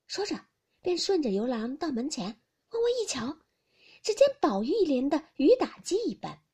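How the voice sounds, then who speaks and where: A woman with a high voice reads a classic novel audiobook at normal speed. Her narration is expressive and often drops to a whisper.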